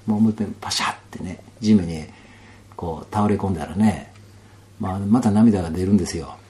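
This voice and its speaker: A man with a Kansai accent telling a personal story in a casual interview, animated and laughing often, sometimes dropping to soft asides. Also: sits low, brisk, slight background noise. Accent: Kansai Japanese.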